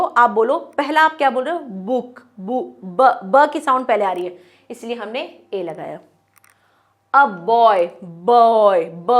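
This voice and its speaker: Female grammar teacher, fairly high voice, patient step-by-step explainer who sounds words out slowly. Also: a bit bright. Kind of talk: online grammar lesson.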